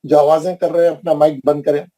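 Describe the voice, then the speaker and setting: A man's voice: a little high, level tone, dark tone, poor audio. A man teaching an online Quran recitation class, repeating points and quizzing his students. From India. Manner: repetitive, questioning, drilling the class.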